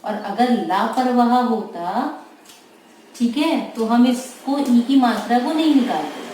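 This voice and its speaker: A woman teaching shorthand, slowly and patiently explaining each word. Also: a little high, lively intonation, warm tone. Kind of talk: slow dictation-style shorthand lesson. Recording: echoey room, mic far off, faint noise.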